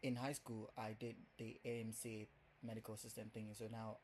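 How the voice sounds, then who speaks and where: His voice is fairly low and darkish, delivered flatly and a little fast, with some hiss or hum present. The young Ghanaian vlogger, speaking with a Ghanaian accent, rambles through his first casual video blog, leaning heavily on fillers like "like" and "um".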